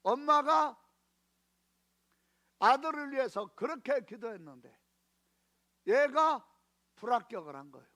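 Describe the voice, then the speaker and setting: High, bright-voiced preacher man. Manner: storytelling with animated swings from hushed to shouted; call-and-response with the congregation. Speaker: pastor. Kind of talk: sermon. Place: church sanctuary.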